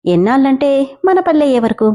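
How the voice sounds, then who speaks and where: A woman doing a soft-spoken, easily hurt young woman in love, high and pleading, warm tone. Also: very animated, brisk. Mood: shy. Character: young woman in love, timid, tearful, devoted daughter.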